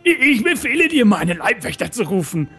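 A man's voice: high-pitched, sing-song, normal speed, pushed and bright, husky, faint music behind, pitched above the performer's own voice, full character voice. A man voicing a pompous male merchant who gives orders and then pleads. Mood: commanding. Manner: commanding, pleading.

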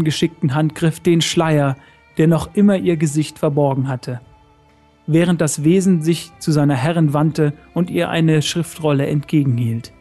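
A man's voice: a little high, mellow. Male storyteller with faint music behind. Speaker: narrator. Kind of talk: storybook reading.

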